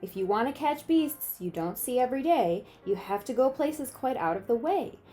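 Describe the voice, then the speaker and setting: Eager boastful young boy, voiced by a woman, singsong storybook verse, soft warm tone, faint music. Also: on the high side, lively intonation, normal speed, lightly acted.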